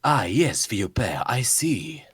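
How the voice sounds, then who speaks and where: A man's voice: medium pitch, lively intonation, a little slow, husky, no room sound, clean studio sound. A man voicing a drunk man with a hammy put-on English accent in a comic fan-fiction reading. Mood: drunk, cheeky.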